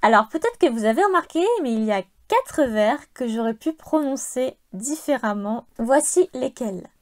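A woman with a fairly high voice teaches poetry to her viewers. She explains rules in a clear, measured way, leaning on the important words as she goes. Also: animated. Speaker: poetry channel host.

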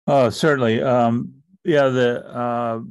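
A man on a video call asking a question as an audience member, in a halting, measured way. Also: mid-range voice, steady tone, clear, resonant tone, no room sound.

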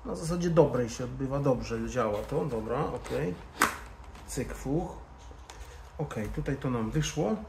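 A motorcycle vlogger with a mid-range, animated voice and vocal fry walks through a hands-on tutorial a little slowly, casual and informal, often muttering to himself as he works. He's in an indoor garage-bar lounge room with roomy echo and background noise.

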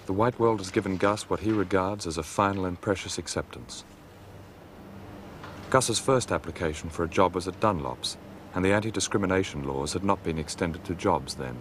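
A man with an Australian accent reading scripted documentary narration in a measured, dry way. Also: deep voice, fairly bright tone. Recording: noisy old documentary film audio.

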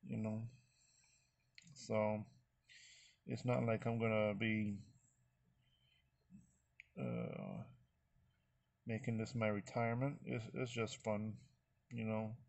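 A man's voice: on the low side, slow, gravelly, pauses often, a little mellow, no echo. A middle-aged man vlogging casually, walking viewers through his phone screen in a folksy, rambling way. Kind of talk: casual screen-recorded walkthrough.

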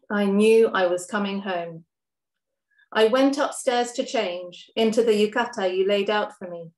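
A woman reading her own poems aloud at an even, measured pace, with brief, casual spoken introductions between them. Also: medium pitch. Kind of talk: poetry reading. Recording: roomy echo.

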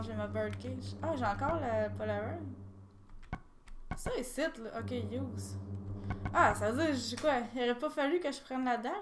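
A woman's voice: a little high, background noise. Chatty Quebec French woman streamer. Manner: chatty, talks to herself, mixes in English words. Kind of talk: live gameplay commentary.

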